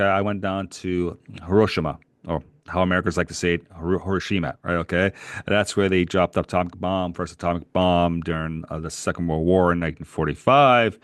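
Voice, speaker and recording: On a podcast, a middle-aged co-host from Canada spins a lengthy travel tale in a low, deep voice. The chat is casual and animated, full of rambling and chuckles. The audio sounds close and dry, without room echo.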